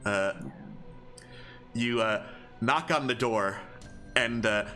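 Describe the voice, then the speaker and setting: A man runs a tabletop fantasy game, describing scenes off the cuff. His voice is bright and his delivery slow and halting, with faint music behind him. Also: mid-range voice. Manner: halting, conversational. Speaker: game master. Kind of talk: improvised tabletop game narration.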